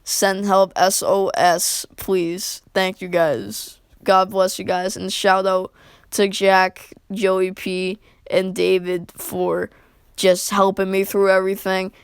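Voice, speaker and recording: Woman narrator spinning a silly tale to camera; loose, rambling delivery, clean and smooth tone. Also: medium pitch, little pitch movement, slow pace, no echo, low-quality recording. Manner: rambling, jokey, full of "like" fillers. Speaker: storyteller. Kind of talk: casual comedic storytelling to camera.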